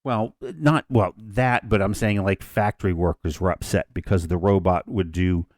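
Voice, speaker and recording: A man's voice: sits low, moderate pace, a little mellow, no room sound. A man. He co-hosts a casual podcast chat, rambling through asides and restarted sentences. The recording is close and dry. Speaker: podcast co-host. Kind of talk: casual discussion.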